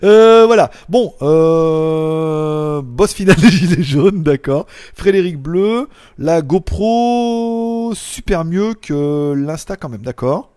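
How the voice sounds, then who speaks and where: A man chatting casually on a live stream, reading viewers' comments and joking, loud one moment and mumbling the next. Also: a little high, lively intonation, takes it slowly. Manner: loud, jokey, trails off into mumbles and chuckles. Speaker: tech YouTuber hosting a live stream. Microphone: small clip-on mic.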